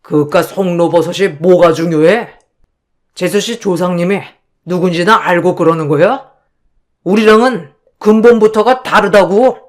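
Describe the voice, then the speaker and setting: A woman's voice: lowish voice, a little slow, close to an everyday voice. A woman doing a pompous, blustering brother-in-law. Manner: pompous, commanding scolding.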